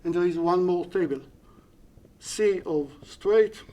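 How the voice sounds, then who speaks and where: The speaker is a male lecturer from a Hebrew-speaking background teaching an algorithm in English on a live stream. He talks through it methodically, restarting and self-correcting, in a voice that is a touch high yet mellow.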